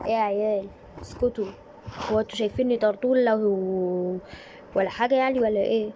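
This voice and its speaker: A woman with an Egyptian accent voicing a stern teacher who loudly scolds a noisy class. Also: a little high, fairly quick, close to an everyday voice. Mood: scolding. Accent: Egyptian Arabic. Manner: loud, scolding. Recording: noisy home recording.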